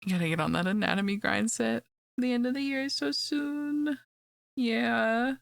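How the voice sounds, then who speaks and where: A young woman streamer with a raspy voice from being sick, chatting casually and laid-back while she draws. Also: a little high, normal speed, dry recording, clean studio sound. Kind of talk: casual chat while drawing.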